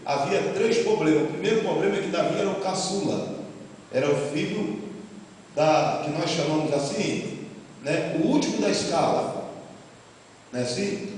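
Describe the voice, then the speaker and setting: High-voiced fervent Brazilian pastor, echoey hall. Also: male voice, a little hiss or hum. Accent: Brazilian Portuguese. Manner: fervent, punctuated with exclamations of praise and rhetorical questions. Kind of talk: sermon. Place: church sanctuary. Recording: echoey hall from a distant mic.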